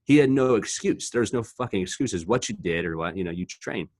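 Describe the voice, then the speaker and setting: Low-voiced man telling gym stories. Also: lively intonation, a little fast, darkish tone, dry recording. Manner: profane, rambling storytelling. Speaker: podcast co-host, powerlifter. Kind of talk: casual chat.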